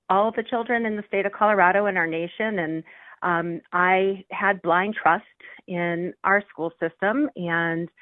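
A woman's voice: lowish voice, no room sound. A woman guest on a radio interview, speaking earnestly and steadily with frequent fillers, heard over a tinny phone line.

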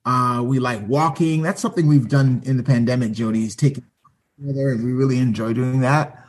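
A man's voice: mid-range voice, steady tone, a little fast. A man from Canada chatting as a podcast guest, friendly and chuckling, with lots of ums and uhs. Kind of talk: casual chat.

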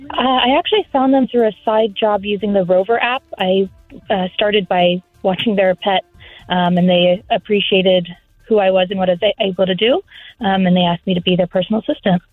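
A woman's voice: medium pitch, steady tone, brisk, no echo, faint music behind. Soothing customer service woman on the phone. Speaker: radio show phone-in guest, personal assistant. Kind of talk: friendly phone interview chat. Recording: dull lo-fi phone line on radio.

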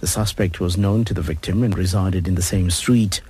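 A man's voice: sits low, moderate pace, warm tone, husky. A man reading a scripted radio news bulletin.

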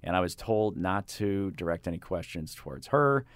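Low-voiced older man, halting and rambling. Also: animated, clear, resonant tone, no echo, studio quality. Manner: rambling, halting with many fillers and restarts. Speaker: radio interviewer. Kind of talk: casual interview chat. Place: radio studio. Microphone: studio microphone.

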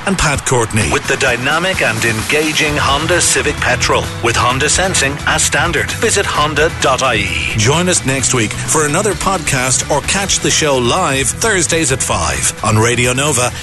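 A man's voice: mid-range voice, expressive, normal speed, few pauses. Male promo announcer over music. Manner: smooth, polished delivery. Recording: voice-over with loud music bed.

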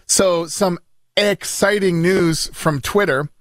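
A man's voice: high-pitched, slow pace, fairly bright tone, no echo. A man hosting morning radio, reading news in a conversational, bantering style.

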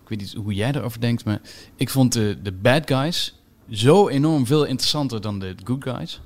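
A male co-host talks casually and with enthusiasm about a new series, explaining who plays whom. His voice sits at a middle pitch. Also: normal speed. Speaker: podcast co-host. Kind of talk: casual chat reviewing series.

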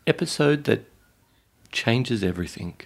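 A man's voice: mid-range voice, lively intonation, measured pace, creaky. An Australian man with a nasal, congested voice from a head cold, co-hosting a casual podcast chat. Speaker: podcast co-host.

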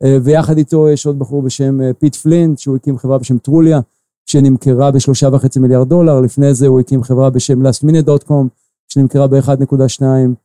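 A man in his forties with an Israeli accent, an investor answering interview questions slowly, with many filler pauses. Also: mid-range voice, little pitch movement, mellow, dry recording. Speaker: investor guest.

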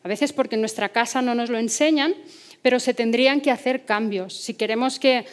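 Una mujer psicóloga con acento de España que da una charla motivacional con tono serio y preguntas retóricas. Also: female voice, fairly high pitch, fairly quick. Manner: earnest, rhetorical questions. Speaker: psychologist giving a talk. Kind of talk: motivational talk.

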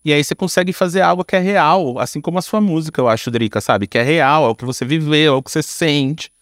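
A screenwriter with a Brazilian accent answers interview questions as a podcast guest, casual and slangy, often tacking on little tag questions. His fairly high voice moves fast, recorded with clean studio sound and no room sound.

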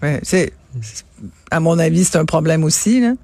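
A woman's voice: low voice, moderate pace, background noise. A woman with a Québécois French accent, telling an indignant story in a casual radio chat.

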